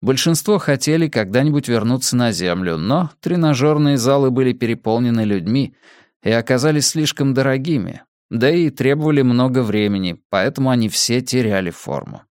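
A man narrating an audiobook in a measured, expressive reading voice. His pitch sits in a middle range for a man. The recording is dry and close, with no room sound. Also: clean tone, no room sound.

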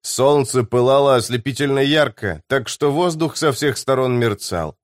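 A man narrating a fantasy audiobook in a steady, even storytelling manner. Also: medium pitch, moderate pace, no room sound, clean studio sound.

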